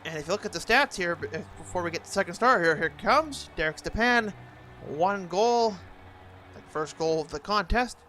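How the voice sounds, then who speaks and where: A man doing an announcer-style play-by-play commentary of a hockey video game, excitable on big plays. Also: high voice, moderate pace, a little hiss or hum.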